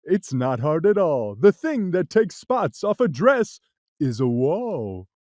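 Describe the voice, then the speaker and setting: A reader voicing a boastful male cat in a hat, booming and jolly, in a storybook reading. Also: very animated, slow, warm tone, no echo, clean studio sound. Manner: booming, jolly, laughing, show-off. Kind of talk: storybook read-aloud.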